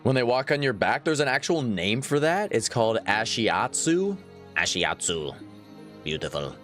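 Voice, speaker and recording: A gaming livestreamer in his thirties chats casually during live gameplay, laughing often and answering his viewers. His medium-pitched, slightly bright voice swings widely in pitch at a normal speed, with soft background music underneath.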